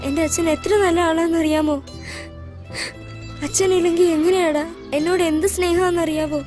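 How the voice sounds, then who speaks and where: A woman's voice: very high voice, steady tone, moderate pace, a little mellow. A woman voicing a talkative six-year-old girl in a dubbed film. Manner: talkative, childlike. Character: chatty little girl of six. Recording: film dub with music behind.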